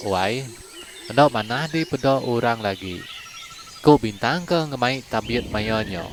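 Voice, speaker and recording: A channel storyteller tells a long Iban folk story conversationally, then asks listeners to like and subscribe. His voice is mid-range, and there's a little hiss or hum.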